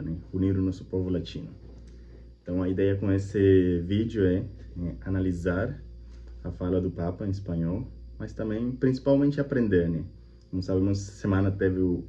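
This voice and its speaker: Male teacher host, very low and mellow voice, friendly explanatory chat, slightly muffled take with faint hum. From Colombia. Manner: friendly, chatty, repeats examples with frequent "né?". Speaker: language teacher and channel host. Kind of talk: casual explanatory reaction video.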